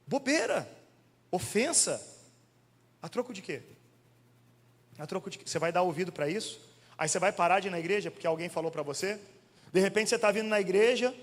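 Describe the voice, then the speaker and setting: A male pastor preaching a sermon in an animated, conversational way, firing questions at the congregation. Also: sits high, gravelly. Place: church hall. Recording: long church hall reverb.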